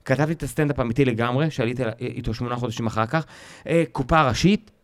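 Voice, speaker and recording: A man's voice: mid-range voice, no room sound. A man who is a stand-up comedian, telling stories in a casual podcast chat and acting out the voices he quotes. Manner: animated storyteller, acts out quoted voices.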